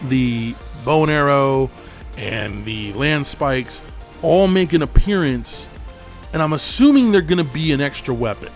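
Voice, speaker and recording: A man hosts his gaming channel at medium pitch, chatting casually over gameplay. Tired and losing his voice, he rambles in a laid-back way and swears freely.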